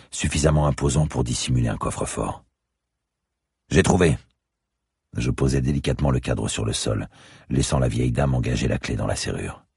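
A man giving grave, steady first-person narration of a dark thriller audiobook. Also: very deep voice, vocal fry, breathy edge, no room sound, studio quality.

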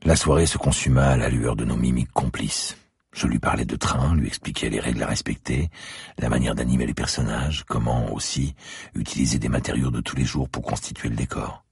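Brief: male audiobook narrator, measured and intimate, low and gravelly. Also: fairly even intonation, no echo, studio quality. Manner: measured, intimate first-person telling.

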